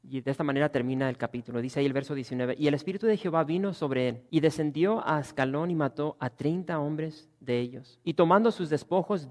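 A male pastor delivers a sermon to his congregation, climbing into emphatic bursts and then dropping to quiet asides. His voice sits a touch high for a man. The sound carries a long hall reverb.

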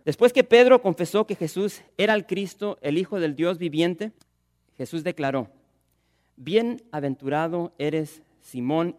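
Male pastor mid-sermon, emphatic and dynamic, a somewhat high voice. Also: in a large hall. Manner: emphatic preaching, swinging from loud to hushed.

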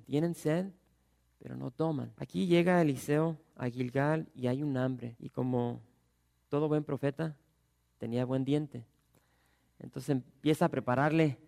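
Gravelly-voiced preaching man. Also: mid-range voice. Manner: reads scripture loudly and emphatically, asks the congregation questions. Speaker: pastor. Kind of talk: sermon with scripture reading.

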